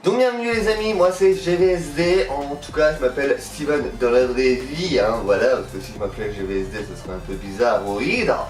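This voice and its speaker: A young man talks casually as a channel host, with an animated, teasing delivery. His s sounds come out slushy with a lisp. The voice sits at a middling pitch, away from the mic in an echoey room with music behind. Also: a little fast, few pauses. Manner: animated, playful, swinging emphasis. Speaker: host of a gaming and vlog channel. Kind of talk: casual chatty channel introduction to camera. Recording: roomy echo, distant mic, music behind.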